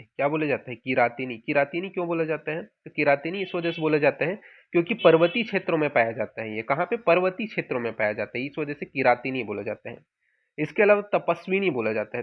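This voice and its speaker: A man giving an online lecture, explaining step by step and answering his own questions. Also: medium pitch. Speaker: teacher. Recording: tinny phone-like audio.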